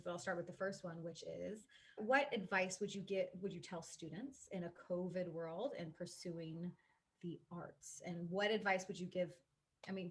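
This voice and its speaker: A woman's voice: lowish voice, a bit bright. A woman hosting a casual interview over a video call, an eager and enthusiastic voice teacher. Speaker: host, voice teacher.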